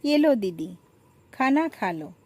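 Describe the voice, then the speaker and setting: A woman's voice: on the high side, sing-song, takes it slowly, mellow, pitched above the performer's own voice, exaggerated voice. A woman voicing a meek, kind younger daughter-in-law in a storybook tale.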